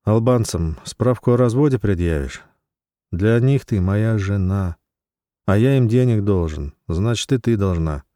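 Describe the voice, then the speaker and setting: A steady, unflustered husband speaks low and firm, as the male narrator voices him. His voice is deep and mellow. It sounds dry and close. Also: a little slow, dry recording. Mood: calm firm. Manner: calm, firm, even. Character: calm, weary man in debt, middle-aged.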